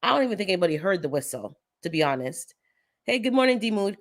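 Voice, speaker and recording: Quick and very animated, a low-voiced woman hosts an easygoing gardening livestream despite sounding somewhat stuffed up. She tells stories, laughs often, and greets people in chat by their names.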